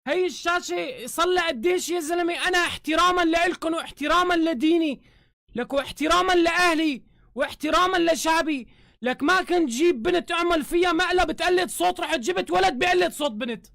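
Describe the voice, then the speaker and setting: A Syrian man with a Syrian Arabic accent, ranting heatedly on a live stream, swearing oaths and shouting in bursts. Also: very high-pitched, fast, gravelly, dry recording, studio quality. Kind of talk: angry live-stream rant. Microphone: phone camera.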